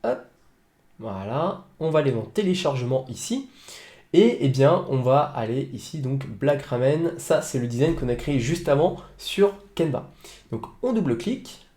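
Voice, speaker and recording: A young man talks viewers through a software tutorial from his home office, pausing often with fillers and restarting his sentences. His voice is mellow and relaxed, at a mid pitch. The recording has a roomy, echoey sound. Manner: hesitant, many fillers and restarts. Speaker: online business tutor. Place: home office with a noisy computer.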